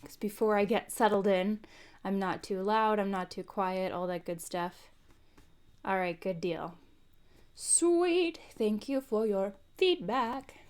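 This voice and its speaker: On a live stream, a woman hosts an informal read-aloud, chatting conversationally and narrating the book in an audiobook-like style. Her voice is mid-range and clean, and she takes her time.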